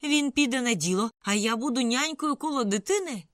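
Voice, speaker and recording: A reader doing a hot-tempered young man who hurls insults. His voice climbs high and loud with each outburst, all of it in a dry, close audiobook recording. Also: animated, a little fast, dry recording, natural voice. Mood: furious. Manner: shouting, indignant, high-pitched outbursts.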